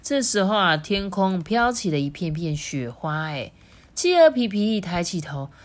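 A mother reads a children's storybook aloud in an animated storytelling voice. She lingers on the particles at the ends of her phrases. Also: fairly low pitch. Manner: animated, drawn-out sentence particles.

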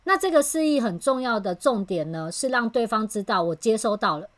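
A woman's voice: a little high, brisk. Woman explaining communication skills. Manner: animated storyteller who explains patiently. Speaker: communication trainer and podcast host. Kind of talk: casual explanatory chat.

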